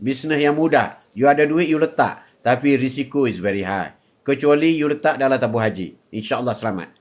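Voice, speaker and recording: A man's voice: mid-range voice, brisk. An older man with a Malaysian Malay accent, hosting a casual live-stream chat, joking, laughing often and reading out viewer comments. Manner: jokey, laughs often, mixes in English phrases.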